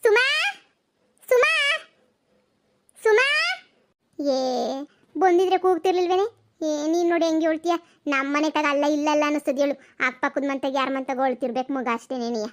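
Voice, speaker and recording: A woman voicing chatty village women in a cartoon comedy, in a rapid, gossipy, exclaiming manner. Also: high voice, fairly even intonation, natural voice.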